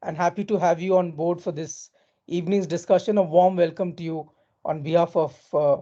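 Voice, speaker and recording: A woman's voice: on the low side, steady tone, brisk, dark tone. A woman with a polished, posh Indian accent, formally presenting and introducing guests as an event host. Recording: dull, lo-fi audio.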